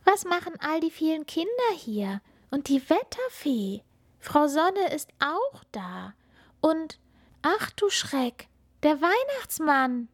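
A woman voicing a bright, eager young girl who is a star child in a children's Christmas story, speaking high and heartfelt. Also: very animated, takes it slowly, dry recording, clean studio sound, full character voice. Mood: astonished.

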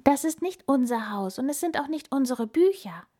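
A woman's voice: on the high side, unhurried, warm tone, pitched above the performer's own voice. A woman doing a fretful little hedgehog. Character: anxious little hedgehog, worrying.

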